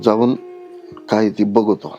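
A man playing an aging village father who speaks in a gentle, consoling, rustic way. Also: fairly low pitch, level tone, slow pace, lo-fi sound, soft background music. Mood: weary. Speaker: actor. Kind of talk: short-film acting.

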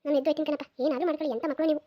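A woman voicing a brisk, bossy village mother who calls out loudly in a cartoon. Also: sits high, level tone, lo-fi sound, natural voice. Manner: shouting, brisk. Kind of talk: cartoon voice acting.

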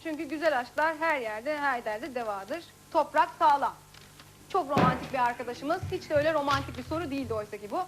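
A woman's voice: high-pitched, fairly quick, fairly bright tone, slight background noise. A woman hosting a casual live TV show, chatting, laughing and reading out viewer faxes. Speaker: TV show host.

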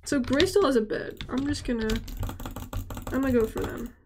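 A woman with a stuffy, congested voice narrates her own gameplay. She rambles and stammers, restarting her sentences while she plays. Her voice sits fairly high, and faint typing clicks run behind it. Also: lively intonation, normal speed, background noise. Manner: rambling, stammering self-talk. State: congested nasal voice. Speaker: gaming channel host. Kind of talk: live gameplay commentary.

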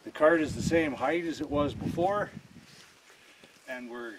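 Man calmly explaining a workshop job. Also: a little high, unhurried, noisy background. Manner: plain, step-by-step, narrating his own actions. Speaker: cart builder demonstrating an install. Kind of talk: hands-on how-to demonstration.

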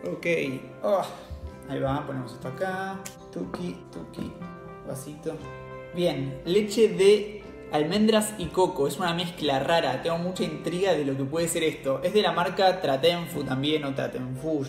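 A man's voice: fairly high pitch, normal speed, reverberant, soft background music. A man with an Argentine accent hosting a casual tasting vlog, chatty and slangy, laughing often. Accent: Argentine Spanish. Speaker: cooking channel host.

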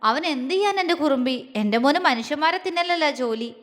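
Woman voicing a doting, gentle mother. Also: high voice, expressive, a little fast, big-room sound. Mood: loving. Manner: coaxing, tender. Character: affectionate middle-aged mother, doting and gentle.

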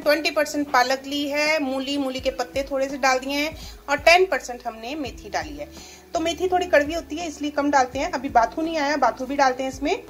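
A woman's voice: sits high, fairly bright tone. A woman chatting casually at home as she explains a cooking recipe step by step. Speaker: cooking vlogger. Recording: music playing behind.

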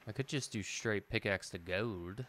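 The game streamer, a man in his thirties, talks through his gameplay in a casual, hesitant way, muttering and going over the same words as he thinks aloud at his computer in an indoor room. His voice is lowish and a bit bright, at a moderate pace.

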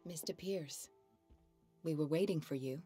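An actress playing a haunted, solemn woman resisting an ancient voice in a dramatic video game, with a husky voice. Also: sits low, takes it slowly. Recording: game dialogue over background music.

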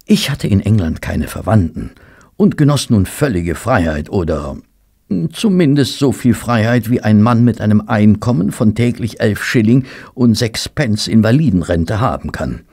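In a German radio play, an actor voices Dr Watson, a tired, rueful army doctor home from war, switching between narration and dialogue. His fairly low male voice moves at a moderate pace with lively intonation, sounding weary yet warmly polite. Restaurant chatter murmurs in the background.

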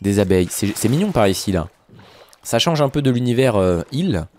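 A young man chatting excitedly to his viewers while commenting on his own gameplay. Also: fairly low pitch, brisk, slight background noise. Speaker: gaming YouTuber. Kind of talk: Minecraft let's play commentary.

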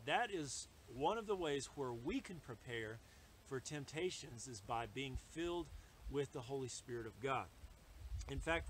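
A man preaching a sermon in a halting way, with many fillers and restarts. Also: on the high side, a little hiss or hum. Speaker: pastor.

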